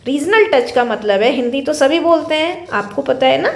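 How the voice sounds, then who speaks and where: An Indian woman teaching a class, her voice pitched high. She works through each point slowly in Hindi threaded with English terms, taking the English phrases especially carefully. The sound has a noticeable echo from the room. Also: expressive, creaky, slight background noise. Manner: explains in Hindi mixed with English terms, slow deliberate English phrases. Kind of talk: classroom lecture. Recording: echoey room.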